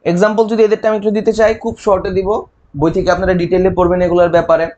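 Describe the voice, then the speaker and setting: A man's voice: high voice, steady tone, very fast, darkish tone, highs cut off. A young man with a Bangladeshi Bengali accent teaching chemistry exam prep, quizzing students with rhetorical questions and mnemonics and checking in often. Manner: frequent "ঠিক আছে?" check-ins. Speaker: chemistry tutor. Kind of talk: online exam-prep lecture.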